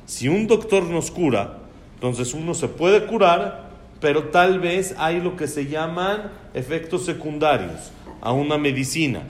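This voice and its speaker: A man's voice: on the high side, animated, unhurried. A man teaching a religious lesson on prayer, posing questions and answering them himself. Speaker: Torah teacher.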